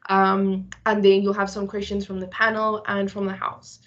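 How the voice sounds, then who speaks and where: A woman's voice: medium pitch, level tone, normal speed, lo-fi sound. A woman moderating a candidate session over a video call, who is polite and friendly and explains the procedure with a few fillers.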